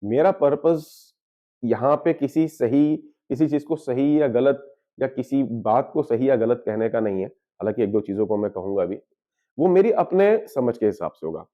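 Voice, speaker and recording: Speaking at normal speed with lively intonation, a man with a mid-range voice delivers an explanatory spiritual talk; he is an astrologer, and the recording is muffled. He mixes English terms into his speech, shifting freely between Hindi and English, and tends to raise questions only to answer them himself.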